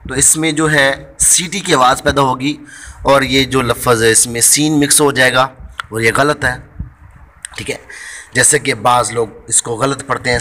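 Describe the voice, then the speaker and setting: A man teaching pronunciation of Arabic letters for Quran reading. He draws out each letter sound loudly, then explains it calmly. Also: mid-range voice, a little hiss or hum. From Pakistan. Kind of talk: slow, deliberate pronunciation lesson.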